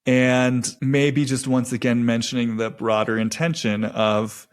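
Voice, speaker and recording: A man hosting a podcast, talking through a reflective solo monologue in a halting, slow way with many restarts. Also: medium pitch, fairly even intonation, clean tone. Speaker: podcast host.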